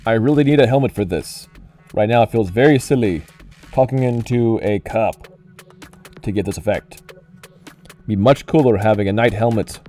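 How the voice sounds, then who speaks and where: A man's voice: on the low side, moderate pace, long pauses, mellow, faint music behind. A man streaming live, talking into a cup for a muffled effect and making mock-grand, herald-style announcements. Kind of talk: live stream chat during ad break.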